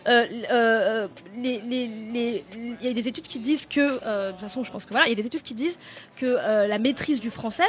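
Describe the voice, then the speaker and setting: A woman host from the Paris suburbs, speaking with a suburban Paris accent and leading a casual panel discussion in a thoughtful, halting way full of fillers. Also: fairly high pitch. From France, Paris suburbs.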